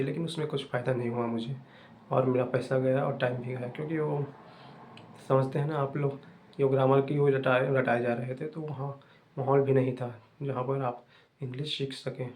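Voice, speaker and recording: A young man hosting an English-learning channel, giving fast, repetitive, casual advice to viewers. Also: mid-range voice, a little mellow.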